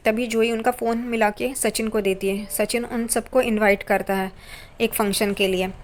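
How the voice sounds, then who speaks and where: A woman's voice: on the high side, normal speed, slight background noise. Woman narrating a serial recap. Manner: plain, steady storytelling with read-out dialogue.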